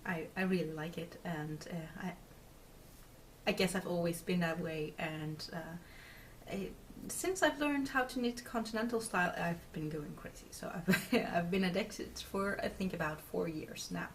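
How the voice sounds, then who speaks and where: A Dutch woman in her twenties hosts a knitting podcast from a small room at home, chatting casually to camera in English, which isn't her first language, with many fillers and giggles. Her lowish voice comes at a measured pace, far from the mic, in a rough recording with some hiss or hum.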